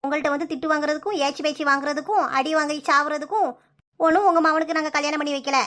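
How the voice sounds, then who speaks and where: A woman's voice: sits high, steady tone, fast, fairly bright tone. A woman voicing a firm cartoon mother with a Kanyakumari accent. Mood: indignant. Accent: Kanyakumari Tamil. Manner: firm, placating. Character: protective middle-aged mother of the bride.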